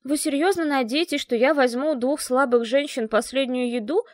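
A woman's voice: a little high, animated, a little fast, no echo, studio quality, natural voice. Woman doing a stubborn indignant teenage boy. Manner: indignant, grumbling. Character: stubborn brave teenage boy, tall son.

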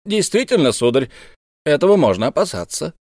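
A man's voice: a little high, big pitch swings, brisk, darkish tone, dry recording, clean studio sound, voice pushed up. A man voicing a proud, eccentric old male professor who lectures emphatically in an audiobook reading. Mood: assured.

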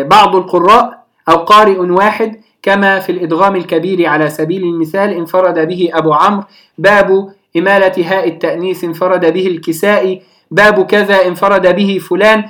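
A Quran recitation teacher giving a classroom lecture, pausing often with drawn-out filler sounds and checking that listeners follow. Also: medium pitch, pushed and bright.

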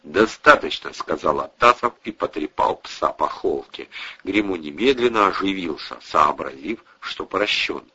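A man reading a crime novel aloud as an audiobook, expressive and voicing every character, on a dull lo-fi recording. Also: low-pitched, moderate pace, husky. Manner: expressive, voices all characters. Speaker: audiobook reader. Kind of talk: audiobook narration.

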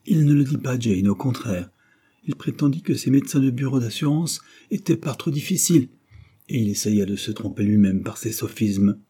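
A man narrating a classic novel as an audiobook in a steady storytelling manner. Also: mid-range voice, normal speed, breathy edge.

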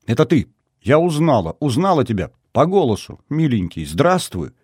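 A man's voice: mid-range voice, sing-song, normal speed, a little mellow, slightly rough, no room sound, clean studio sound, pitched above the performer's own voice. A man reading an audiobook voices an overjoyed, tearful young woman with a gushing, breathless delivery.

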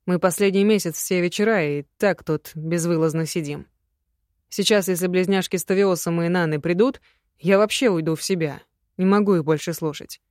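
A woman reading a young male magic student, teasing and affectionate, in a slightly louder, gentler voice. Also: on the low side, a little fast, no echo, studio quality, close to an everyday voice.

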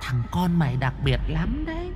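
A man voicing a vengeful old female earth spirit who screeches threats in a shrill, hissing voice. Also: wildly swooping pitch, moderate pace, darkish tone, in a large hall, soft background music. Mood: menacing.

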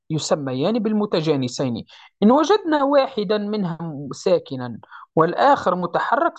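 A recitation teacher walks a class through a lesson with a lively, swinging voice, pausing often to check that everyone follows. Each example is recited slowly and with care. The sound is dry and close, on a dull, lo-fi recording. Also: medium pitch, no echo. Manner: explains patiently, often checks understanding. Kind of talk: step-by-step tajweed lesson.

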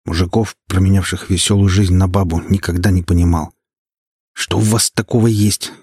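A man voicing a cold, menacing gangster boss in his forties who talks in a slow, flat, contemptuous way in an audiobook. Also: sits low, slightly rough, no echo, clean studio sound. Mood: bitter.

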